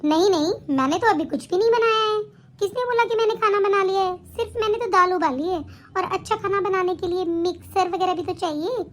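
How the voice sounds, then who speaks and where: A woman voicing a wronged young wife and mother in an animated cartoon, defiant and aggrieved. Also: very high-pitched.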